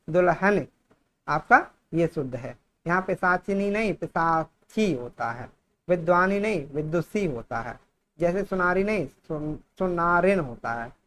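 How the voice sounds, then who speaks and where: Man teaching grammar at a steady pace. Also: fairly high pitch, a little hiss or hum. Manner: repeats each word, dictating-style explanation. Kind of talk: Hindi grammar exam-prep lesson.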